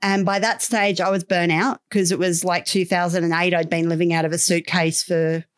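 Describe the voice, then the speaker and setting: A woman's voice: fairly low pitch, level tone, moderate pace. A middle-aged Australian woman telling stories in a casual interview, with a candid, wry, colloquial manner. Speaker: podcast guest, business owner.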